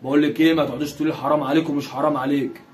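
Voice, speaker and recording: A man playing a harsh Egyptian father, rapid-fire. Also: a little high, level tone, heavy background noise, close to an everyday voice. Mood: scolding. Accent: Egyptian Arabic. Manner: scolding, sneering, quick-fire. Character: harsh father who favors his son, mocking and cold. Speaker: actor in a street drama. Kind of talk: amateur street drama acting.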